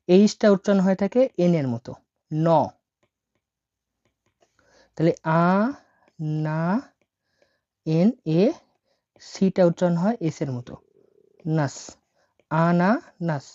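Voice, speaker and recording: A woman's voice: on the low side, slow, long pauses, mellow, highs cut off. A woman teaching a language lesson, spelling words out letter by letter and repeating them patiently.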